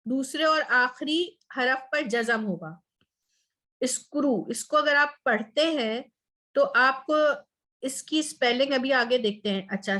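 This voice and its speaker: A woman's voice: high voice, a bit bright. A woman teaching a Quran Arabic class online, explaining step by step and checking in with her students often.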